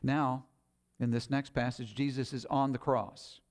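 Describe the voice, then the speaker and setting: A man's voice: medium pitch, little pitch movement, unhurried. A man preaching a sermon, retelling scripture in plain, conversational paraphrase.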